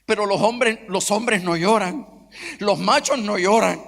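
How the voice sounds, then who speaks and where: A man's voice: sits high, slow, gravelly, a bit bright. Dramatic male preacher in a reverberant hall. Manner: dramatic, acts out dialogue. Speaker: pastor. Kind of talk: sermon storytelling. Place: large church auditorium. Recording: long church auditorium reverb.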